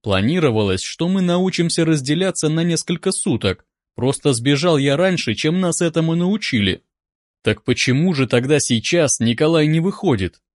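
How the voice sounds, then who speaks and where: A man calmly reading a first-person audiobook in an even, wry manner, close to a studio mic. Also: fairly high pitch, no echo. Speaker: audiobook narrator.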